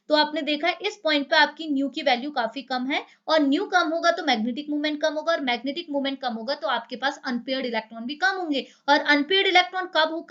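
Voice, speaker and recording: A woman's voice: sits high, a bit bright, dull audio. A woman with an Indian accent lecturing on chemistry, explaining step by step and asking many rhetorical questions. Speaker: chemistry teacher.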